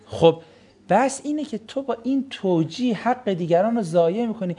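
High-voiced man preaching with biting sarcasm. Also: expressive, mellow, breathy edge. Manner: sarcastic, acts out quoted excuses in mocking voices. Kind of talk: religious lecture.

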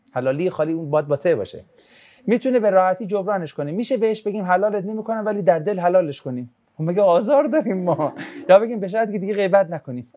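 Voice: mid-range voice, warm tone, lo-fi sound. Religious teacher, chatty and jokey, reads out questions then answers them, falls into storytelling. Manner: casual, joking, reads student questions aloud then answers; shifts into storytelling when recounting a religious tradition. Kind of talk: conversational religious lesson.

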